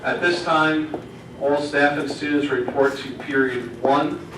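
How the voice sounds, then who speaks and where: A man's voice comes over a school intercom, making announcements in a flat, measured tone. It sounds thin and distant, and it booms with heavy room echo. Noise and room ambience sit underneath the speech. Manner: even, measured announcing, repeats instructions. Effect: school intercom loudspeaker. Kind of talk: reading out announcements. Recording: echoey intercom speaker heard from far off with background noise.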